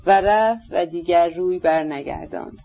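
Steady audiobook narrator, lo-fi. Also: mid-range voice, vocal fry. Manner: steady, measured literary reading. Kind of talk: scripted novel narration. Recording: slightly dull lo-fi recording.

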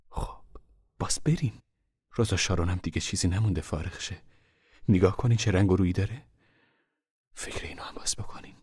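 A man with a husky voice reads from a novel, playing a weary but determined poor mother. He keeps his voice low and hushed, turning forceful at times.

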